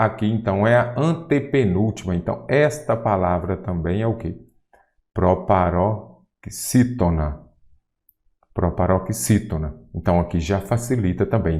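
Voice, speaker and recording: A man's voice: sits low, darkish tone. A man from Brazil teaching an exam-prep grammar lesson, asking rhetorical questions and stressing key words.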